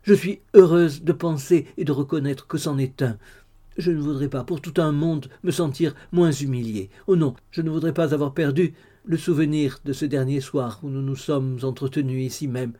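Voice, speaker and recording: A man's voice: on the high side, fairly even intonation, normal speed, dark tone, lightly acted. A man reading the lines of a tearful, ardent young woman in an audiobook, with fervent, sobbing pleas. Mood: tearful, pleading.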